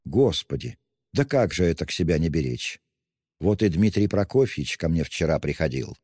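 Male reader doing a sly, fawning older investigator, wheedling and raised in pitch over a low, dark voice; hall reverb. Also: lively intonation, normal speed, husky, clean studio sound, full character voice. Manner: wheedling, ingratiating, mocking, with fussy endearments.

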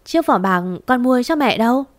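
A woman's voice: fairly high pitch, expressive, normal speed, pitched above the performer's own voice, close to an everyday voice. A woman voicing an anguished, insistent grown daughter. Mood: cold. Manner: urgent, reproachful questioning.

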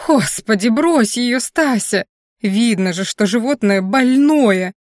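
A woman voicing a bossy, squeamish old grandmother who scolds loudly and slowly. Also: on the high side, lively intonation, dry recording, studio quality, voice pushed up. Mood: scolding. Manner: loud, scolding.

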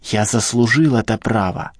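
A man reading an audiobook and voicing an obsessive male kidnapper with a high, sharp voice and pathetic, self-righteous outbursts. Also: normal speed, no echo, studio quality, lightly acted. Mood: pompous. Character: obsessive unhinged male kidnapper, shrill and hysterical.

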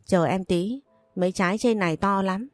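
A woman's voice: medium pitch, moderate pace, dry recording, natural voice. A woman reading the lines of a playful, somewhat childish young woman, in a plain audiobook reading voice. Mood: playful, polite. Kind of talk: audiobook narration.

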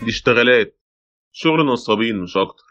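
In dull, lo-fi radio drama sound, an actor plays a brusque Egyptian policeman, a man who talks extremely fast. He is sceptical and insistent, pressing every point bluntly. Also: mid-range voice, animated, fairly bright tone, faint music behind, close to an everyday voice. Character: brusque, sceptical male police brigadier, pressing his case. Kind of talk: radio play acting. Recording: dull lo-fi audio.

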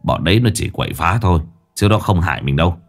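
A man voicing a gruff, blunt older man who swears and talks low in a ghost story. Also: lively intonation, quick pace.

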